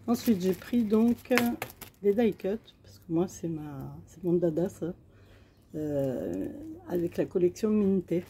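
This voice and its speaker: A woman's voice: on the low side, big pitch swings, takes it slowly, warm tone, slight background noise. A woman showing off her craft purchases outdoors in the sun, chatting casually to her phone camera with lots of fillers and hesitations. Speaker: crafting vlogger. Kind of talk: casual show-and-tell haul. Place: outdoors in sunshine.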